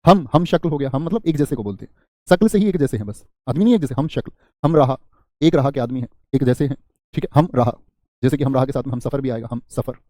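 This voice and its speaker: A man's voice: mid-range voice, expressive, fast talker, dark tone, dry recording, clean studio sound. A man teaching an exam-prep grammar class live, repeating word lists, quizzing students and answering their chat comments with small jokes.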